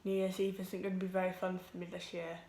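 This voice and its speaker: A teenage girl, introducing her vlog at home, nervous and quick, with lots of ums. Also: lowish voice, completely flat delivery, vocal fry, dark tone, echoey room, slight background noise. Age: teens. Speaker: vlogger. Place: home room with pets.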